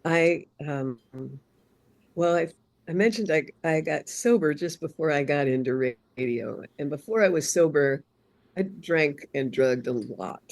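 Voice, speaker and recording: An older woman, raised around Philadelphia, talking candidly and reflectively as a guest, often halting mid-thought and laughing easily. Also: sits low, lively intonation, a little mellow, no room sound, poor audio. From born in Arizona, raised in Philadelphia area. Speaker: guest, radio jazz presenter. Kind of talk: candid interview conversation.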